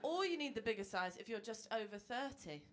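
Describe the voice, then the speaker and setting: Very animated and fairly quick, a woman in her thirties with a somewhat high, slightly bright voice does self-mocking, chatty stand-up at a comedy club. She laughs through her own jokes, and the live recording is noisy.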